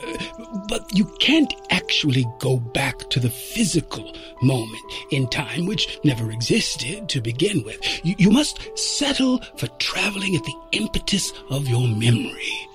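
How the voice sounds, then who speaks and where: Guy doing a dreamy old time traveler, stammery, slow, higher and lilting, faint music under it. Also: sing-song. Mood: musing. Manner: wistful, lecturing, with small stammers.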